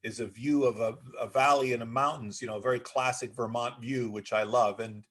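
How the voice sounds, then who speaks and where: Speaking at a fairly quick pace with fairly even intonation, this man has a medium-pitched voice that's fairly bright and slightly rough. Middle-aged, US-born and raised in Greece until age six, Greek being his first language, he's a guest on a video call who answers thoughtfully, with lots of fillers and restarts.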